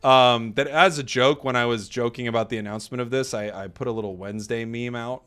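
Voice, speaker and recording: A man's voice: medium pitch, fairly even intonation, quick pace, fairly bright tone, clear, resonant tone. A man casting an esports stream, trading joking, teasing banter with his co-host. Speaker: esports caster. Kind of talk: casual esports commentary.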